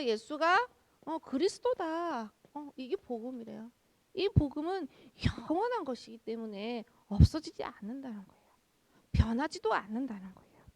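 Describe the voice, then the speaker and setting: A young woman pastor giving a children's sermon, lively, asking the kids questions and answering them herself. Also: sits high, no room sound.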